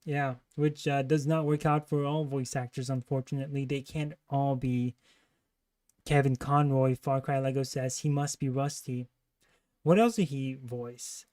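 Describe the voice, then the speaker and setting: A man's voice: mid-range voice, dark tone. A man hosting a livestream, giving casual, critical commentary as he reacts to a trailer. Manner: critical, disparaging.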